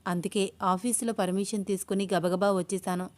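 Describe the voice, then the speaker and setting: A woman's voice: mid-range voice, fairly even intonation, fairly quick, darkish tone, natural voice. A woman voicing a kindly, easygoing middle-aged mother in a spoken storybook. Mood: cheerful.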